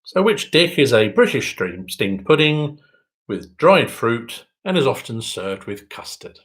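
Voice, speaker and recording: A man's voice: mid-range voice, sing-song, a bit bright, rough recording. Quiz host, male, dry wit, sing-song delivery that rises on each question. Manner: repeats each question slowly, dry joking asides. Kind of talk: reading out quiz questions and answers.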